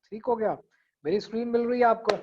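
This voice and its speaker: A man's voice: extremely high pitch, fast talker, highs cut off, a little hiss or hum. A man giving an online public speaking lesson in a conversational way, often checking in with his students. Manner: conversational, mixes English phrases, frequent "theek hai" checks. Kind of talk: online class lecture. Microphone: video call.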